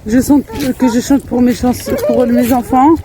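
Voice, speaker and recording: A family vlogger in her thirties chats casually while out with her kids in a park, laughing a lot and pausing to speak to her children. Her voice is fairly high and steady at a normal speed, with faint street noise in the background.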